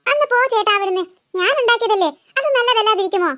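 A woman's voice: extremely high pitch, fast, pushed and bright, no room sound. A woman voicing a harried cartoon mother who scolds her bickering daughters. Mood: scolding. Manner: scolding, exasperated, sighing.

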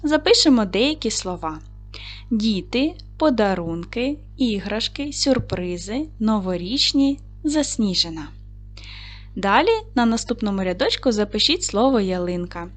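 A woman teaching a recorded primary school lesson, patiently asking questions and slowly spelling out sounds and syllables. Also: mid-range voice, animated. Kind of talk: recorded video lesson for children.

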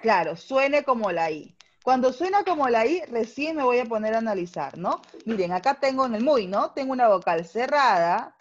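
A woman's voice: on the high side, very animated, moderate pace, few pauses, highs cut off. A woman teacher with a Peruvian Spanish accent, explaining a grammar lesson patiently in an online class and checking understanding with frequent tag questions.

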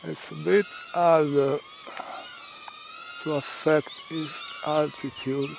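Young man, slow halting talk, raised pitch, wind and outdoor noise behind. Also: fairly even intonation, creaky. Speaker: drone hobbyist vlogger. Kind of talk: casual commentary while flying a drone. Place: outdoors in a windy rural field.

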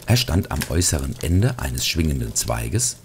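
A middle-aged man reading a Christmas storybook aloud, gentle and hushed at times, with lively swings into character voices. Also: moderate pace, slight background noise. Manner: gentle, hushed, drops to a whisper in places; lively character voices rising high for quotes. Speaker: narrator. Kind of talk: scripted storybook narration.

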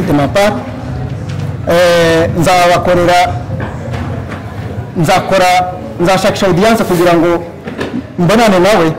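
Young man from Congo, high voice, halting campaign speech at a stand mic in a large hall. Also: slight background noise. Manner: halting, with many fillers and restarts. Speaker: candidate for youth leadership. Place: large plain hall, indoors.

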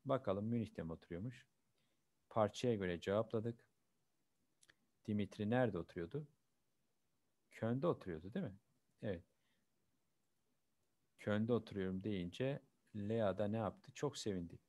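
A man with a fairly low voice works through a textbook lesson as a teacher. He asks questions and answers them himself, and slows down to read out each example sentence clearly. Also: dark tone, dry recording. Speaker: German teacher. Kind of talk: classroom lesson explaining textbook exercises.

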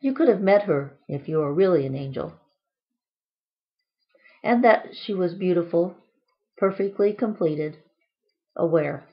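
A woman reads from her own book with a playful, whimsical lilt and plenty of quirky asides. Her voice sits on the low side for a woman. The recording is dull and lo-fi. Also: a little slow, pauses often.

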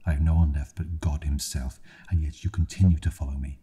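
A man's voice: rumbling low, steady tone, a little fast, mellow, slightly rough, full character voice. A man voicing a defiant young farm woman. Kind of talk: ASMR storytelling.

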